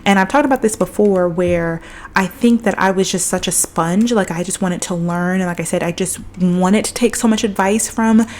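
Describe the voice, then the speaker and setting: A woman's voice: medium pitch, moderate pace. A young woman hosting her own podcast, telling a personal story in a chatty, reflective way, with lots of "like". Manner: chatty, reflective, heavy use of "like". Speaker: podcast host. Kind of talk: casual solo podcast storytelling.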